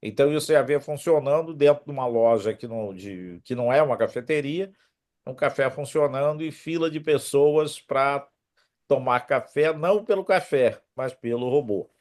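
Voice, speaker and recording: A man's voice: medium pitch, moderate pace, a little mellow. A Brazilian man hosting a casual group call as a professor, talking through a trade fair visit with frequent restarts. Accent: Brazilian Portuguese. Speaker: host, professor leading a retail trade delegation.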